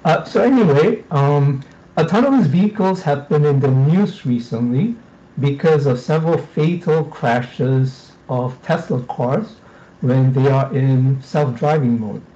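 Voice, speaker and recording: A middle-aged man from Singapore asking a formal, deliberate question on a video call. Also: medium pitch, mellow. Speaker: audience member asking a question. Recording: dull lo-fi video call audio.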